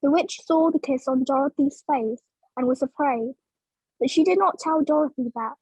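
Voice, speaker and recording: A woman from Vietnam narrating a children's storybook in English for learners, slow and clear. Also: sits high, darkish tone, no echo, poor audio.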